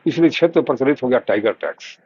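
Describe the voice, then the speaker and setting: A middle-aged man, a doctor standing for election, answering interview questions in an earnest, measured way and repeating key words. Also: medium pitch, animated, darkish tone, breathy edge, lo-fi sound.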